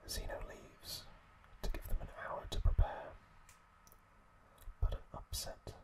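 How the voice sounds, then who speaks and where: This is a man's breathy whisper, held near the mic as an ASMR host gently recaps a story. He speaks in slow, halting phrases with pauses between them.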